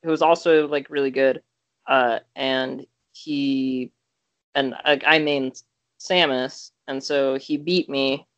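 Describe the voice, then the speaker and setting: A man's voice: mid-range voice, fairly even intonation, slow pace, fairly bright tone, no room sound, muffled recording. A young man co-hosting a podcast, telling a story in casual chat, rambling with lots of fillers and restarts. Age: young adult. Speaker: podcast co-host.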